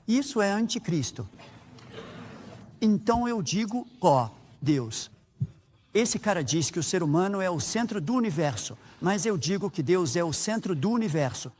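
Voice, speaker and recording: A man's voice: high voice, expressive, moderate pace, darkish tone, slight background noise. A man with a Brazilian Portuguese accent preaching a sermon as a pastor, telling stories and voicing prayers aloud with earnest fervor. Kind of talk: sermon with personal anecdotes.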